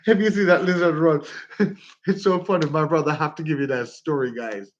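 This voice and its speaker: A Jamaican vlogger with a stuffy nose chats casually on a livestream, telling stories and laughing often. His voice is a little high and fairly quick, captured in dull lo-fi phone audio.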